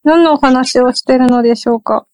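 A woman's voice: high voice, fairly quick, a little mellow, a little hiss or hum. Wry woman from Ehime, English teacher. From Ehime, Japan. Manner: wry, trails off searching for words. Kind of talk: casual chat.

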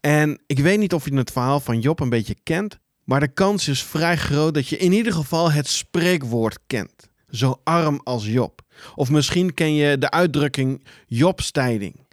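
Man retelling a Bible story slowly. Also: a little high, lively intonation, dry recording, studio quality. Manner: slow, dramatic storytelling with pauses. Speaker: preacher.

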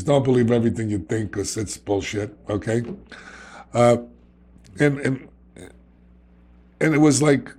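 A middle-aged man with a New York accent talks plainly about his past. His delivery is blunt and streetwise, and he keeps checking in with a quick "okay?" as he goes. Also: mid-range voice, a little mellow. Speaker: guest sharing recovery story. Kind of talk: candid conversational storytelling.

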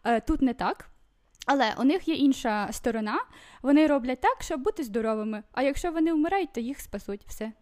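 Woman, podcast guest, very high voice, chatty and loose, lots of fillers. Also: lively intonation, brisk, a little mellow. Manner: chatty, full of fillers and restarts. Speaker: podcast guest living in Sweden. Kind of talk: casual chat.

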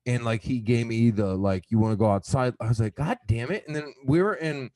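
A man's voice: mid-range voice, a little fast, dark tone, no room sound. A man from the American South chatting casually, telling stories animatedly, swearing freely and acting out quotes. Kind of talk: casual chat.

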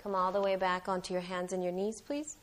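A woman teaching a live yoga class, guiding step by step in a careful, unhurried and encouraging way. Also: lowish voice, level tone. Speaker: yoga instructor.

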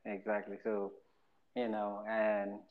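A man from Zimbabwe with a Zimbabwean accent, hosting a podcast in a casual storytelling chat. He talks in an animated way, repeats phrases and acts out the voices of people in his stories. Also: on the low side, slow, narrow, tinny audio. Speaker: podcast host.

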